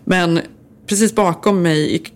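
A woman in her thirties co-hosting a casual chat, telling stories and acting out what others said. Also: fairly low pitch. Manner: chatty storyteller, acts out others' lines. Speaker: podcast co-host.

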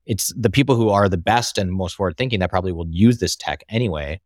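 A man's voice: low voice, fast talker, dry recording, studio quality. A man with an American accent talking casually as a podcast guest, rambling with lots of fillers and restarts. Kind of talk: casual conversation.

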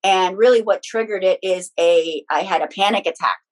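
On a rough recording, a Filipino woman in middle age speaks at a moderate pace in a lowish voice. As a podcast guest who teaches spirituality and writes books, she tells chatty, candid stories from her own life, punctuated by little laughs.

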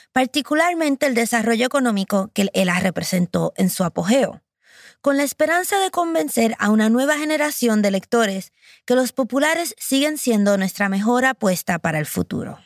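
A woman's voice: a little high, expressive, moderate pace, dry recording, clean studio sound. A woman hosting and narrating a documentary podcast in a personal, reflective storytelling manner. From Puerto Rico.

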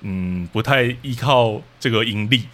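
Unhurried and fairly bright in tone, a lowish male voice with a Taiwanese accent explains, step by step, how he does his creative work. He is a podcast guest who leads an audio drama troupe, and the interview is casual and explanatory.

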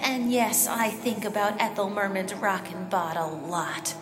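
A woman's voice: mid-range voice, unhurried, natural voice. A woman playing a devoted, playful young woman, earnest and teasing. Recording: echoey with music.

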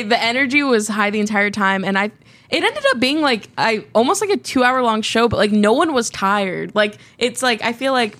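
A woman's voice: mid-range voice, fairly bright tone, dry recording. A woman hosting a podcast and chatting casually, rambling and peppering her talk with "like". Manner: rambling, heavy use of "like". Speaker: podcast co-host and stand-up comedian.

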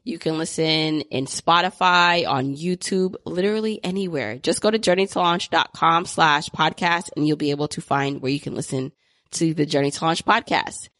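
This thirty-something podcast host keeps things upbeat and conversational, sprinkling in plenty of "like" fillers during a relaxed interview and sign-off. She has a low, fairly bright voice at a moderate pace, captured dry in a studio-quality recording.

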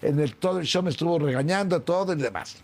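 A middle-aged man with a Mexican accent, an interview guest who tells an anecdote and acts out the remembered dialogue himself. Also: fast talker. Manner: acts out both sides of remembered dialogue with big pitch swings. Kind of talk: storytelling in an interview.

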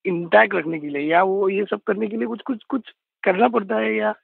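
Deferential male interviewer, high and gravelly, dry thin phone-like sound. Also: fairly even intonation, moderate pace, no echo. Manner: deferential, says "sir" often, many hums. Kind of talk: interview questions.

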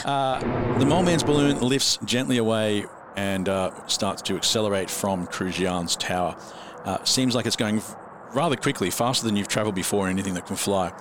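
A man narrating as dungeon master, relaxed and rambling, often chuckling. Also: lowish voice, moderate pace, background noise. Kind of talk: narrating a tabletop game.

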